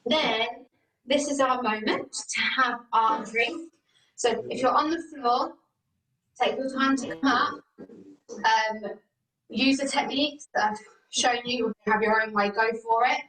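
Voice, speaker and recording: A woman's voice: fairly high pitch, slow, long pauses, fairly bright tone. A woman leading an online exercise class, speaking in an informal, encouraging way as the instructor. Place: indoor room, video call. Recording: roomy echo, far from the mic.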